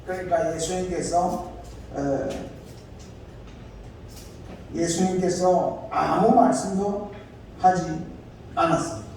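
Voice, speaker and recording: Pastor preaching in a booming echoey church. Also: male voice, creaky, a little mellow, slight background noise. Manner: conversational storytelling with many filler pauses. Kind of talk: sermon retelling a scripture story. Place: church sanctuary. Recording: echoey church hall, distant mic.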